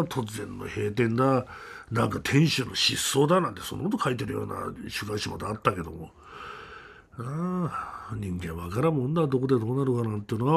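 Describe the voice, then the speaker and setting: A man telling a true ghost story aloud, dramatic, often dropping to a hush, with a gravelly, husky voice. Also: a little high. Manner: dramatic, with sudden drops to a hush.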